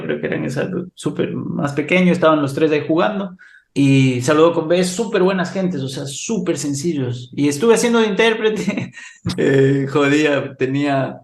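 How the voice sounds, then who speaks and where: Ecuadorian accent man, podcast guest, animated storyteller, laughs a lot, echoey room. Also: on the high side, gravelly. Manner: animated anecdote teller, laughs often. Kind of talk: casual storytelling interview.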